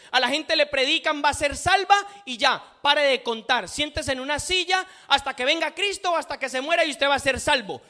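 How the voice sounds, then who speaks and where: High, bright-voiced male preacher. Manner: emphatic, reads scripture aloud and repeats phrases. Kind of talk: sermon.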